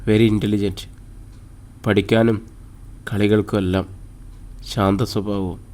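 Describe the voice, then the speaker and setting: A man's voice: on the low side, little pitch movement, measured pace, darkish tone, close to an everyday voice. A man voicing a kindly orphanage nun. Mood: concerned. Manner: polite, concerned, matter-of-fact. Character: kindly middle-aged nun running an orphanage.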